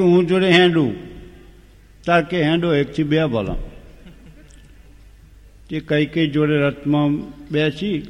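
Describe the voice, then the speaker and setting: A man retelling an old epic as a folk storyteller, homely and humorous, breaking into sung verses. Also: a little high. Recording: long hall reverb.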